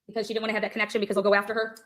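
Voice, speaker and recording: A woman's voice: mid-range voice, monotone, a bit bright, a little hiss or hum, rough recording. A woman representing herself in court, firing off repeated questions at a witness. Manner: rapid-fire, repetitive questions.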